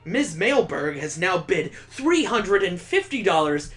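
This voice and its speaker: Guy putting on a stuffy slow announcer voice, super formal. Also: high voice, very animated, a bit bright, faint music behind, full character voice. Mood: announcing. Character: stiff formal auction announcer.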